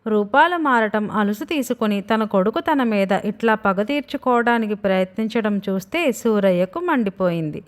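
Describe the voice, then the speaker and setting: A woman narrating a children's moral story in an even, expressive storytelling manner. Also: mid-range voice, moderate pace, few pauses.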